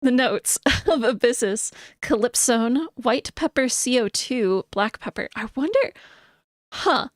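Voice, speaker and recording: Woman streamer, casual and chatty, thinks aloud; bright higher voice, dead-dry close mic. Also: expressive, slow pace, dry recording. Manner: chatty, thinks aloud, reads notes with soft mumbling. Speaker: VTuber streamer. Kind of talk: casual live-stream chat.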